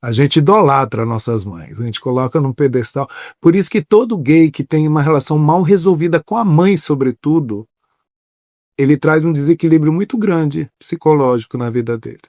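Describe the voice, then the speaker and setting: A man's voice: fairly high pitch, normal speed, dry recording, clean studio sound. A man hosting a podcast, telling his own story candidly and acting out the voices in his memories. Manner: emotional, animated retelling with acted-out dialogue. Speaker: podcast host.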